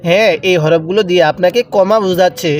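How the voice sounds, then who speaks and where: A man teaching Quran reading in a step-by-step lesson, chanting each word slowly and drawn out, then explaining the rules in plain talk. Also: high voice, steady tone. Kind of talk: slow step-by-step recitation lesson.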